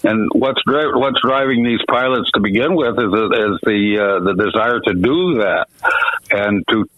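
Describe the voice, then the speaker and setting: A man's voice: on the low side, a little slow, fairly bright tone, no room sound. An older man being interviewed on the radio, talking in a folksy, rambling way and repeating himself. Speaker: interview guest, retired airline pilot. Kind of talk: conversational radio phone interview. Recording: thin telephone line sound.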